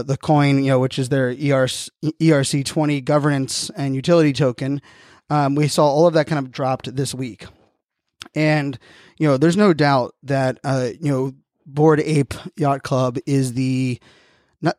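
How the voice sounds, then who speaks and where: A man hosts a podcast in a casual, rambling way, talking through his thoughts with frequent "you know" asides. His voice sits at a middle pitch. The recording is dry and close, on a studio microphone. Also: darkish tone, dry recording. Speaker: podcast host. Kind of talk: casual solo podcast commentary.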